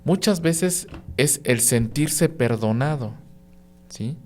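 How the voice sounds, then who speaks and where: Reflective priest, unhurried. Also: male voice, mid-range voice, lively intonation, a little mellow. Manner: reflective, explains with everyday examples; frequent "¿no?" and "¿sí?" tag questions. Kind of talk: radio podcast reflection.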